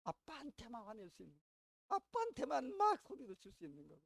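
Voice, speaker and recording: High-voiced Korean pastor telling a story. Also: male voice, brisk, creaky, dry recording. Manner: animated storytelling with sharp swings in loudness; addresses the congregation with questions. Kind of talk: sermon.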